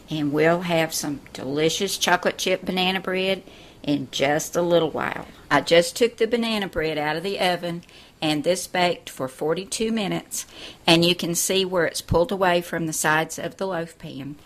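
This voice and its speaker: A woman's voice: fairly low pitch, moderate pace. A woman hosting a cooking show from her home kitchen, chatting through a recipe step by step. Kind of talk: friendly cooking demonstration.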